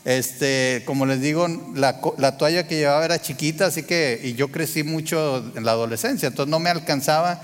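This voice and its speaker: A man's voice: fairly high pitch, fairly quick, few pauses. A man with a Mexican Spanish accent preaching a sermon, telling a personal story in a conversational way and often turning to the congregation with "¿verdad?". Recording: long hall reverb.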